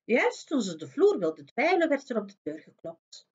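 A woman reading a fairy tale aloud for children in a slow, expressive way. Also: fairly high pitch, slightly rough, dull audio. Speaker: storyteller.

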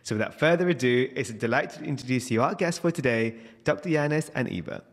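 A man's voice: mid-range voice, fast, big-room sound. A young man hosting a podcast, reading an enthusiastic scripted introduction and asking his guests questions. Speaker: podcast host. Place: indoor room, video call. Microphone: studio mic on stand.

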